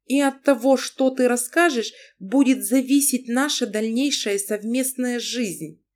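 A woman voicing a haughty, sharp-tongued young wife in an audiobook reading. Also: on the high side, a little slow, pitched above the performer's own voice, lightly acted. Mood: blunt. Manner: brusque, mocking.

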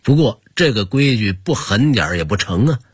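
Husky Beijing man telling old customs. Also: on the low side. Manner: lively storyteller, drawn-out emphasis. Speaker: radio host. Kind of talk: storytelling radio talk on old customs.

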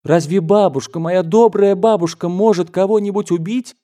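A man's voice: on the high side, sing-song, normal speed, mellow, pitched above the performer's own voice. A man voicing an anxious, tearful young boy in an audiobook, pleading in a raised, eager voice. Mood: horrified.

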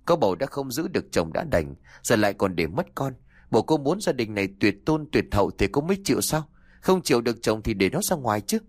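A cruel old mother-in-law with a harsh, scolding tongue, as a male storyteller puts her on. Her pitch swings widely as she berates, and the voice sounds close and dry, with no room around it. She comes from a spoken audio story. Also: big pitch swings, brisk, no room sound.

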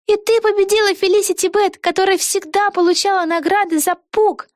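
A woman's voice: very high voice, steady tone, brisk, dry recording, clean studio sound, pitched above the performer's own voice. A woman voicing a young girl witch who insistently urges her best friend on, as in a storybook read aloud. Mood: urging. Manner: insistent, encouraging.

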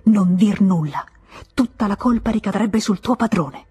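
Brief: a husky desperate young wife in an audiobook, read by a woman, hushed then crying out. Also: medium pitch, a little slow, faint music behind. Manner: hushed and feverish, breaking into anguished cries.

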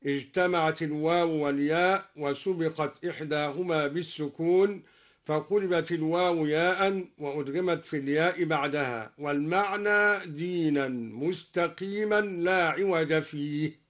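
A man with an Egyptian accent explaining recitation variants in a slow, deliberate way, chanting each example melodically. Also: fairly high pitch, fairly bright tone. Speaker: Quran recitation scholar. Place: radio studio.

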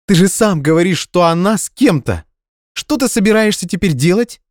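A man voicing a hysterical young woman who shouts through tears in an audiobook. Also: wildly swooping pitch, fairly quick, slightly rough, no echo, studio quality, heavily acted. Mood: furious, tearful. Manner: shrill, sobbing outbursts.

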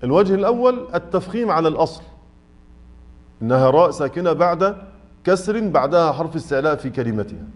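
Egyptian male teacher, fairly high voice, patient, explains step by step and quizzes the class. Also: big pitch swings. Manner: mixes classical and colloquial Arabic, asks the class check questions; slowly spells out example words. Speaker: Quran recitation teacher. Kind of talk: tajweed lesson explaining a poem. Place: mosque study circle.

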